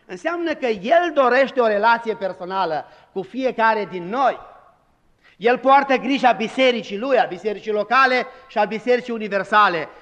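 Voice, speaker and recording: A man's voice: very high voice, pushed and bright, long reverb tail. A man preaching a sermon as pastor, with emphatic delivery and dramatized quoted lines.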